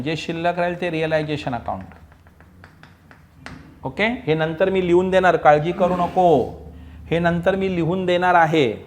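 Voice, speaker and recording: Male tutor, fairly high voice, pleading, repetitive online lecture delivery. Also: slight background noise. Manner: coaxing, repetitive, mixes Marathi, Hindi and English; acts out student replies. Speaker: accounts teacher.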